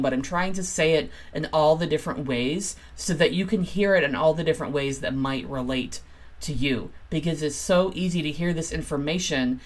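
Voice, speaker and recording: Woman, low pitch, earnest, self-help talk, repeats points, frequent ums. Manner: acts out quoted inner voices with livelier, louder delivery. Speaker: podcast host.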